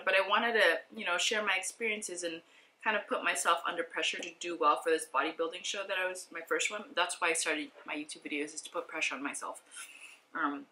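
A woman's voice: lowish voice, bright, forceful tone, low-quality recording. A young woman vlogging while she eats, chatty and self-mocking, laughing often. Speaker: vegan bodybuilder vlogger. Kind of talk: casual eat-with-me chat.

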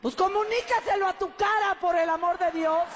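A woman playing a sarcastic girlfriend in a comedy sketch, scolding her partner in a very high voice. Her tone is cutting and impatient. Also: fairly even intonation, fairly quick, noisy background. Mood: annoyed.

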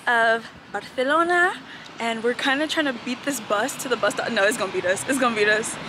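Brief: upbeat woman vlogger with a high voice, filming herself on a phone, with clear street noise behind her. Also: fairly quick. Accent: Haitian-American. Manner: chatty, upbeat, talks to viewers. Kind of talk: casual travel vlog.

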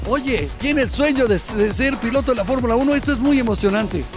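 Standing by a fountain with a handheld mic, a middle-aged host with a Mexican Spanish accent conducts an outdoor TV sports interview, exclaiming with enthusiasm. He speaks briskly in a very high voice, with music playing beneath.

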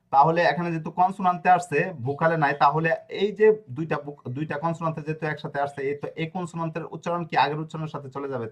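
A man teaching a pronunciation lesson, his voice sitting a little high. He breaks each word into syllables and spells them out slowly, then stops to ask the viewer a question before he goes on. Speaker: language teacher.

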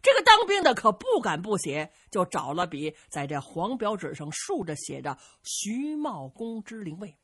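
A woman storyteller, delivering a traditional tale in punchy, animated phrases. Her voice is bright and slightly husky, pitched a little high, swinging widely up and down. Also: normal speed, few pauses.

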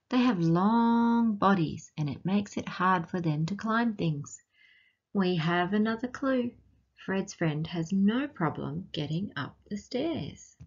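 Slow, husky Australian storytime reader. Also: female voice, medium pitch, dull audio. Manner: gentle teacherly questions to young listeners. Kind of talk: reading a picture book aloud to children.

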